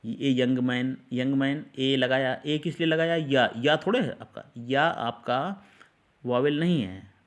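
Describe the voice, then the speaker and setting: A man's voice: mid-range voice, takes it slowly. A man teaching an English grammar lesson, explaining step by step, repeating words and asking the class questions.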